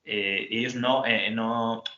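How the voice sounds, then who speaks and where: A man's voice: medium pitch, fairly even intonation, takes it slowly, sharp tone, a little hiss or hum. A man hosting a casual book discussion, rambling with fillers and reading passages aloud. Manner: rambling, reads quotes aloud, many fillers. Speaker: podcast host. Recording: roomy, dull lo-fi sound.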